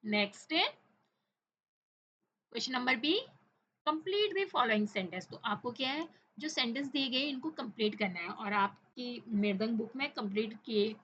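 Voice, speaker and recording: A woman teacher with an Indian accent walks children through a textbook chapter. She has a bright, fairly high voice, reads the English lines slowly, then explains them quickly, mixing English and Hindi. The recording sounds slightly dull, with faint hiss behind her.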